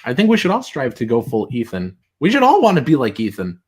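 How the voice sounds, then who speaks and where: A man hosting a casual livestream, reading chat aloud in a rambling, halting way with many fillers. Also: mid-range voice, wildly swooping pitch, breathy edge.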